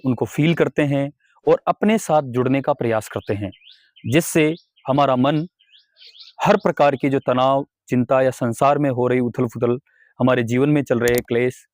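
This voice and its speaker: Man, meditation instructor, slow calm guidance, mid-pitched voice, dry close recording. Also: dry recording.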